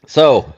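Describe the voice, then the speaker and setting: A man's voice: on the high side, gravelly, slightly rough. A man, co-hosting a podcast and telling long, profane stories in casual chat. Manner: profane, animated storyteller. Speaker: podcast co-host. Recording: dull lo-fi sound.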